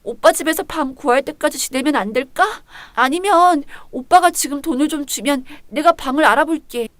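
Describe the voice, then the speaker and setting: A woman's voice: high-pitched, normal speed, fairly bright tone, dry recording. A woman voicing a scheming young woman who whines, sobs and begs. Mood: pleading. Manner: whiny, sobbing, pleading.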